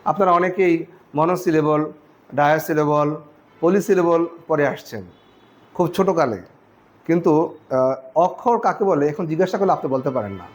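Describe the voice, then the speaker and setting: Guy teaching grammar, pretty high voice, counts out syllables slow and step by step. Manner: explains step by step, counts syllables slowly aloud. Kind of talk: grammar lesson.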